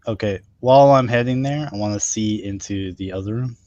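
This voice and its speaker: A man playing a tabletop game, hesitant and halting, on slightly dull lo-fi audio. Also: on the low side, a little mellow. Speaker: player. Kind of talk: casual tabletop game play.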